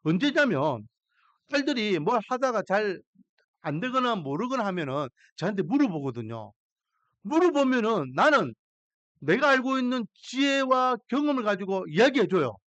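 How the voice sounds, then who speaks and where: Lively high-voiced pastor preaching. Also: male voice, moderate pace, dry recording, lo-fi sound. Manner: preaching with rhetorical questions and dramatic emphasis. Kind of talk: Sunday morning sermon.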